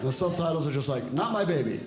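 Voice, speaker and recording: A man in his forties from Ecuador and El Salvador performs stand-up on a comedy club stage before a live audience, using a dry, self-deprecating delivery and acting out snippets of dialogue. His voice is on the high side, expressive and fast. The room is echoey, with the crowd audible behind him.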